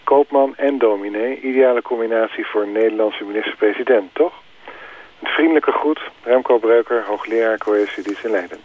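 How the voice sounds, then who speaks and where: A man's voice: fairly low pitch, brisk. A man, a professor, leaving an earnest, persuasive voicemail message with a touch of dry irony. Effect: voicemail over a phone line. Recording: tinny narrow phone line.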